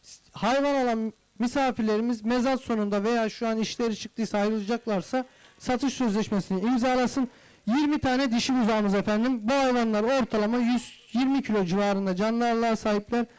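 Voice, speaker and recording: A livestock auctioneer calls bids live in a repetitive price chant, using repeated phrases and addressing guests formally and courteously. His very high voice is brisk, a little mellow and smooth with fairly even intonation, and the recording is rough.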